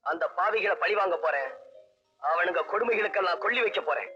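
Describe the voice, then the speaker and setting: A brooding hero set on revenge, earnest and grim. His voice is high, bright and quick. The old film sound is dull, with light music beneath. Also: animated. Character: brooding vengeful young hero.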